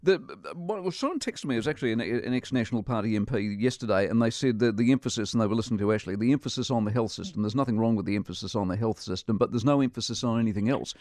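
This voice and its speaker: A man's voice: mid-range voice, very fast, hardly any pauses, darkish tone, no room sound, studio quality. A middle-aged man with a New Zealand accent hosting a talk radio interview, blunt and opinionated. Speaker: radio host.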